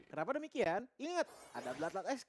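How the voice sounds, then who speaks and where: A man's voice: high-pitched, wildly swooping pitch, fast, a little hiss or hum. A man giving wordy, explanatory esports analysis as a game commentator.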